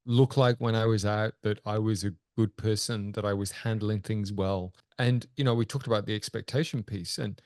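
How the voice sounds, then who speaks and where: A man co-hosting a podcast, a father speaking earnestly and thoughtfully, pausing and restarting as he works through his ideas. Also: on the low side, steady tone, darkish tone, no echo, clean studio sound. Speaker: podcast co-host. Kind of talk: reflective interview talk.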